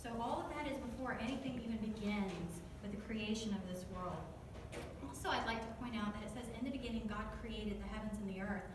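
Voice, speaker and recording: This woman's medium-pitched voice, with its Southern US accent, moves a little fast as she leads a devotional talk for a church group, joking, chatting and asking them questions. The recording is made from a distance in an echoey church hall and is noisy.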